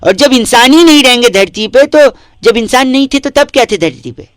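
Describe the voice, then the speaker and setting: ऊँची आवाज़ वाला प्रैंक कॉलर आदमी. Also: male voice, extremely high pitch, expressive, a little fast, fairly bright tone, no room sound, clean studio sound. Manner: mock-earnest, lecturing absurd logic; answers only with hums to provoke. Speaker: prank caller. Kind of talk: prank phone call.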